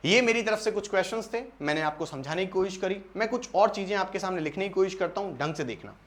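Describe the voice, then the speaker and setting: Indian guy teaching english for exams, high voice, keeps repeating himself and asking the class questions. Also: expressive, quick pace. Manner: repeats points and asks the class rhetorical questions. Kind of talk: exam-prep English lesson.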